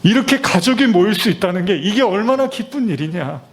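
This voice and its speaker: An older father pleads earnestly with his angry son, as a preacher puts him on. The voice rises and presses, warm in intent but urgent. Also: high voice, animated, a little fast, voice pushed up. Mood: pleading. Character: forgiving old father pleading with elder son.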